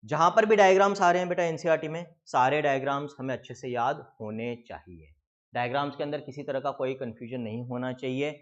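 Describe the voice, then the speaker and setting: A man teaching an exam-prep biology lecture, reading textbook lines slowly and then explaining them, calling his students beta. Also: medium pitch, steady tone, muffled recording.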